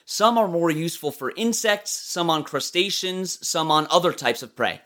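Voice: medium pitch, moderate pace, a bit bright. An educational presenter narrating in a nature documentary style, explaining things informally and speaking directly to listeners.

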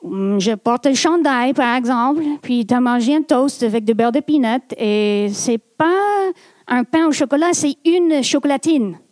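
A man's voice: very high voice, measured pace, dry recording. A woman voicing a young man from Quebec, an old university friend who speaks plainly and teases, in a Quebec French accent, told in a live stage story.

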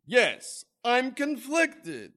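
A man's voice: very high-pitched, huge pitch swings, extremely slow, sharp tone, full character voice. An actor playing an earnest, plaintive man convinced he is Santa Claus, in a comic radio drama. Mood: troubled, earnest.

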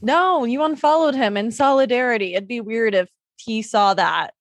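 A young adult woman co-hosting a podcast in casual, comedic chat, blunt and dramatic and quick to swear. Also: on the high side, dry recording. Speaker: podcast co-host.

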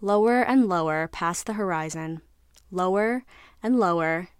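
A woman narrating a scripted story in a measured, even way. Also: lowish voice, clean tone, no echo, clean studio sound.

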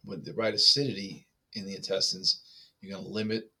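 Husky-voiced man explaining gut health. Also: low-pitched, level tone, fairly quick, sharp tone. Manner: explanatory, with restarts and repeated okays. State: has the hiccups. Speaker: health talk presenter. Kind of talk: explaining health advice to listeners.

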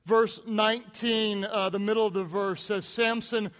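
A man's voice: high-pitched, fairly even intonation, unhurried, fairly bright tone, long reverb tail. A man preaching a sermon, retelling a Bible story with humor and emphatic asides. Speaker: pastor.

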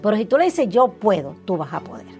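A middle-aged woman with a Dominican Spanish accent talks through her story in a relaxed interview. She is animated and acts out old conversations, with plenty of fillers. Faint music runs underneath her voice. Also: mid-range voice, fairly quick. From Dominican Republic. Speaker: interview guest, insurance agency owner.

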